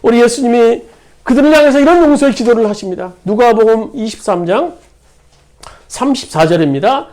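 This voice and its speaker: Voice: medium pitch, expressive, a little fast, a little mellow. A pastor preaching a sermon in a church, stressing key words by repeating them. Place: church sanctuary.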